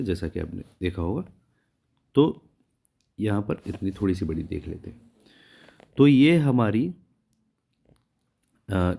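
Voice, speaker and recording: Male shorthand tutor, low unhurried delivery, patient, explains every stroke. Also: creaky, dark tone. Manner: patient, repeats "ठीक है" to check understanding; counts and names the strokes as he draws them. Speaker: Hindi shorthand teacher.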